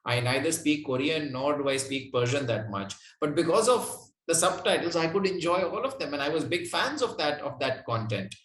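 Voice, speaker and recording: In a roomy, echoey recording, a guest responds to interview questions with a sing-song voice on the high side, a bit bright. He keeps a moderate pace with few pauses, explaining in a conversational way and often checking in with whoever is listening.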